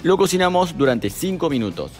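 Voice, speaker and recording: A young man, calmly narrating a cooking recipe step by step as a voice-over, with music behind him. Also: a little high, fairly quick. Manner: calm step-by-step instructions. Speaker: cooking channel host.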